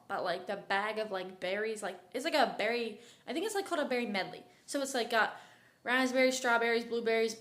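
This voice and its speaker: A woman's voice: fairly high pitch, a bit bright. A young woman talking straight to camera in a casual vlog, venting and full of fillers. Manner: chatty, fills talk with "like", "bro" and "dude"; irritated, venting. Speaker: vlogger.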